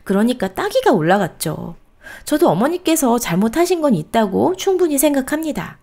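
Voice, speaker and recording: A woman reads a reader's submitted post aloud as a storytelling host. Her voice sits fairly high, and her pitch rises and falls in a lively way. She keeps an expressive, steady reading cadence. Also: moderate pace, vocal fry.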